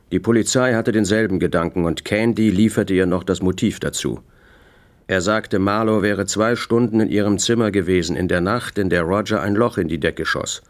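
A man narrating a crime novel in the first person, reading in a measured, steady way. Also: sits low. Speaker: audiobook narrator.

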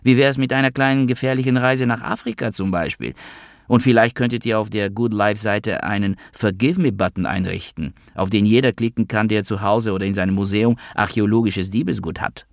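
A man's voice: on the low side, fairly quick, gravelly, dry recording, studio quality. A man reading an audiobook, voicing a teasing, sarcastic male friend on the phone. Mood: mocking. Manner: sarcastic, needling.

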